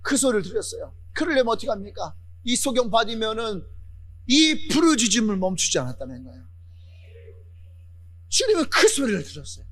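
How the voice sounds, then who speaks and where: Male pastor, sermon; fervent, repetitive delivery, lively pitch swings. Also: brisk, pauses often. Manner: fervent preaching with repeated phrases, building to shouts.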